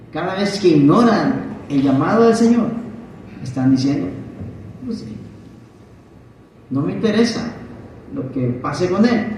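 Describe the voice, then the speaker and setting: A man's voice: high-pitched, a little hiss or hum. A man preaching a Bible-study sermon, asking the congregation questions and acting out quotes. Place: church hall. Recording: very echoey hall from far off.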